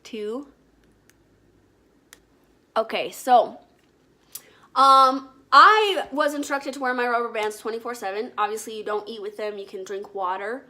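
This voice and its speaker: Bright, high-voiced woman chatting casually. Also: unhurried, pauses often. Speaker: vlogger. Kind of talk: casual chat to viewers.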